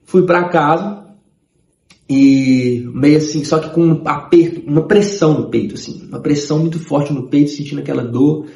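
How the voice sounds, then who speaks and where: Mineiro guy in his 30s telling his testimony, high gravelly voice, echoey room. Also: moderate pace. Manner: animated storytelling, acting out voices. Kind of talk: personal conversion testimony.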